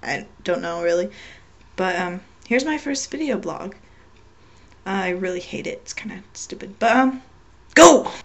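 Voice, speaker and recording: A woman's voice: medium pitch, lively intonation, measured pace, creaky. A young adult woman giving casual reaction commentary with self-mocking, dismissive asides. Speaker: video blogger. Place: bedroom, indoors. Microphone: webcam at desk, earbuds in. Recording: another voice playing underneath.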